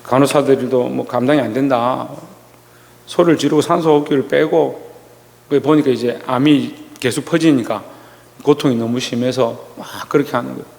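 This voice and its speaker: A male pastor giving a Sunday sermon, telling a personal story slowly with many pauses and restarts. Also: mid-range voice, fairly even intonation, creaky, darkish tone, big-room sound. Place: church sanctuary.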